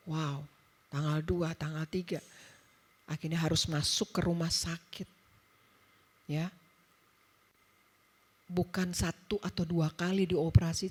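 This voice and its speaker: Husky, low-voiced woman preaching. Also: darkish tone. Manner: conversational storytelling, acts out dialogue, quick asides. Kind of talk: sermon to a women's service. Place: church service.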